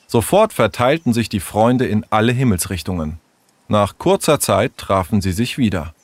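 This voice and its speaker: A man narrating a children's audiobook in an expressive storytelling manner. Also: on the low side, normal speed, no room sound.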